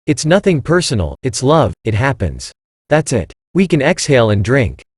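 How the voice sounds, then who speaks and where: A man reading as a cool, evasive wife, lively pitch. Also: normal speed, breathy edge, no room sound, studio quality. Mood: cold, calm.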